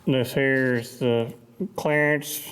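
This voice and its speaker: Male machinist, medium pitch, casual workshop explainer. Modest, plainspoken, matter-of-fact delivery. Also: fairly even intonation, takes it slowly, a bit bright. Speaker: machinist presenting his repair work.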